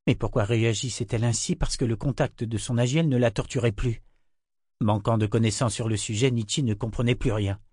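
A man reading a fantasy novel aloud in a steady, expressive storytelling manner. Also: mid-range voice, a little fast, slightly rough, dry recording, clean studio sound. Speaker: narrator. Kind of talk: audiobook fantasy narration.

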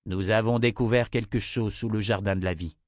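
A man playing a calm young man in an audiobook, steady and matter-of-fact. The voice sits low. It is recorded dry and close. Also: brisk, no echo, natural voice.

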